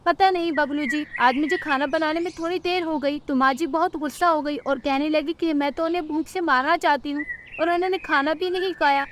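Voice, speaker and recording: A woman's voice: high-pitched, fairly even intonation, fairly quick, a bit bright, a little hiss or hum, voice pushed up. A woman voicing a meek young female bird, a dutiful wife who speaks politely and pleads, in a cartoon story. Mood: pleading. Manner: polite, pleading, eager to please.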